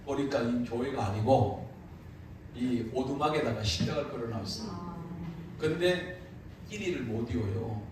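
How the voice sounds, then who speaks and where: A man preaching at a revival meeting, telling funny stories and laughing as he goes. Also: a little high. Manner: animated, laughing through his anecdotes. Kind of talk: humorous revival sermon storytelling. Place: church sanctuary. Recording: echoey church hall, distant mic, room noise.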